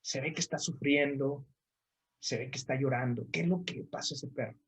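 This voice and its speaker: A man doing a soft, earnest young man. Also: mid-range voice, fairly quick, pitched below the performer's own voice, close to an everyday voice. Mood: pleading. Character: gentle compassionate young man, pleading.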